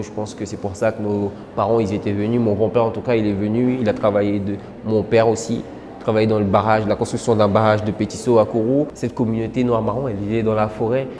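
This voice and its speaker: A man's voice: fairly low pitch, a little mellow, long reverb tail. A man from French Guiana in a casual interview, earnest, with many filler words and restarts. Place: indoor exhibition gallery.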